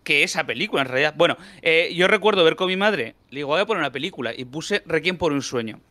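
A man's voice: on the high side, expressive, fast talker, bright, forceful tone, no echo. A man, co-hosting a film chat and joking through his own anecdotes. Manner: jokey anecdotes, playful teasing. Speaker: podcast co-host. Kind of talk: casual chat about films.

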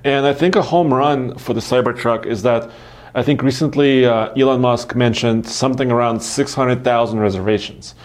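A man's voice: mid-range voice, steady tone, moderate pace. Guy on a podcast, easygoing chatty delivery, lots of ums. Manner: conversational, with frequent fillers. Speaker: podcast co-host. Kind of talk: casual chat.

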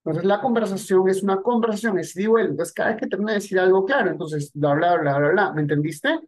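A man's voice: high voice, fast. A man teaching sales techniques in a direct, conversational monologue aimed at the listener. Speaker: sales coach. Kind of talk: instructional monologue.

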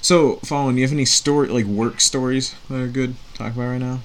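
A man's voice: medium pitch, fairly even intonation, fast. A young man in casual voice chat banter, crude and teasing, laughing often.

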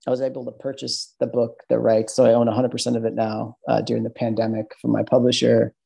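Easygoing Midwestern guy, husky and dark-toned, rambles through stories on a podcast. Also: medium pitch, little pitch movement, fast talker, poor audio. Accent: Midwestern American. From American Midwest. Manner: loose, rambling, lots of fillers and restarts. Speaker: podcast guest, bartender. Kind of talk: casual interview chat.

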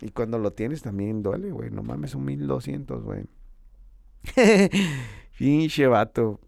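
A man's voice: medium pitch, lively intonation, slow, gravelly, a little mellow, no room sound. A man delivering a casual, profane monologue. He talks in slang, swears freely, jokes and boasts, and laughs often. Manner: boastful and joking.

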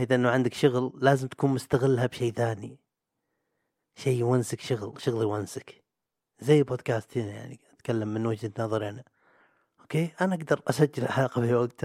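Guy rambling on his solo podcast, quick talker, dry close sound. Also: medium pitch, a little mellow, dry recording. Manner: rambling, chatty, self-mocking. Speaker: podcast host. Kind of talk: solo casual podcast monologue.

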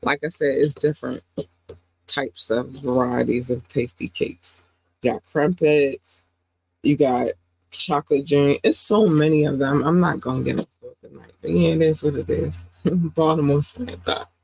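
This podcast host speaks at a moderate pace with a creaky, slightly rough voice, affectionate and warm as she calls listeners "baby" and hands out shout-outs. She laughs often and squeals when excited in her loose solo chat, recorded dry and close without room echo.

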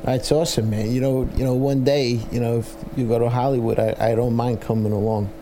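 A man with a Brooklyn accent hosting a casual interview, enthusiastic but halting, often repeating his words. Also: medium pitch, fairly even intonation, background noise. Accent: Brooklyn, New York. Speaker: interviewer, host.

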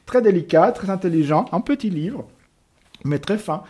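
A man's voice: sits high, lively intonation, moderate pace, mellow, slightly rough. A man presenting books in a casual, hesitant way, often searching for his words. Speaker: book presenter. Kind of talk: casual book recommendation.

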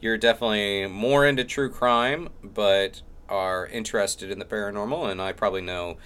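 A man's voice: on the low side, steady tone, moderate pace, fairly bright tone, clean tone. A middle-aged man hosting a podcast in a rambling, self-deprecating, casual way. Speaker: podcast host. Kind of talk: casual chat.

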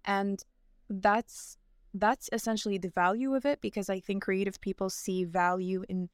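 Answering interview questions casually, this young fashion founder from the United States sounds earnest and relaxed, using fillers and restarting sentences. Her middle-pitched voice is smooth, resonant, and fairly even, heard dry and close with no echo or room around it.

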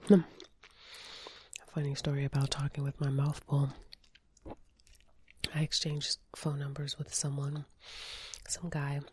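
A woman doing a whispered and soft-spoken ASMR ramble, chatting casually while she eats, close to the mic. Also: low voice, completely flat delivery, slow pace, long pauses, slight background noise. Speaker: ASMR channel host.

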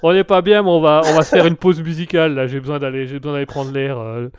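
A man's voice: fairly high pitch, little pitch movement, fast talker, slight background noise. A man hosting a casual show, joking playfully and often breaking into laughter. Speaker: show host.

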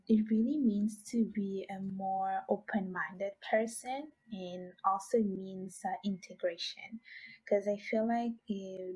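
A woman from Italy speaks as a podcast guest, her voice slightly husky. She talks earnestly, pausing on fillers and restarting her sentences. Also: medium pitch, dark tone, poor audio. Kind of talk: podcast interview.

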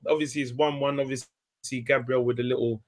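A man with a London roadman accent and a medium-pitched voice talks football casually. He is emphatic, heavy on street slang, and repeats phrases for weight. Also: level tone, fast talker, crowd noise. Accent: London, urban street slang. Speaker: football fan panellist. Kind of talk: casual banter and football chat.

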